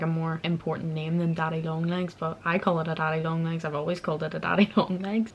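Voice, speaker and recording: A young woman talks in a Northern Irish accent from Belfast, with a fairly low voice. She chats casually as a vlogger, informal and self-deprecating, explaining words in an easy conversational way. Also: slight background noise. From Northern Ireland. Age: young adult. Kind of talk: casual chat explaining local slang.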